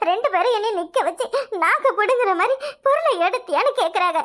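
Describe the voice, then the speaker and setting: A woman's voice: extremely high pitch, animated, quick pace, fairly bright tone. A woman voicing a touchy young married woman who protests with wailing self-pity, in a southern Tamil Nadu accent. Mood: tearful. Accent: southern Tamil Nadu dialect. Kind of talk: cartoon voice acting.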